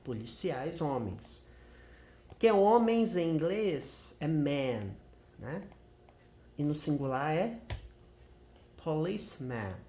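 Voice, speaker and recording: A Brazilian man with a Brazilian Portuguese accent and a dark tone teaches an English grammar lesson over screen share in a chatty way. His pitch swings up and down as he keeps checking in with viewers, and the recording has a noticeable roomy echo.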